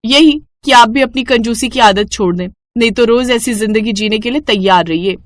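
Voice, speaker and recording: A woman voicing a clever, cheeky young daughter-in-law in a storybook tale, in a bright, sly voice. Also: fairly high pitch, normal speed, no room sound, natural voice.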